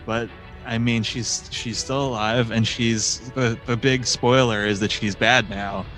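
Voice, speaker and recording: A man's voice: mid-range voice, steady tone, a bit bright, faint music behind. A man co-hosting a podcast in casual chat, critical and chatty, on a podcast mic. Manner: critical, chatty, quick asides. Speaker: podcast co-host.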